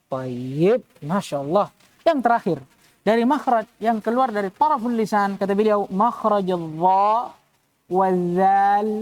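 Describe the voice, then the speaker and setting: A woman's voice: a little high, no echo. A woman teaching Quran recitation, sounding out letters again and again and checking that her students follow. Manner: drills letter sounds aloud, repeating each for students; checks understanding with short questions. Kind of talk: tajwid lesson.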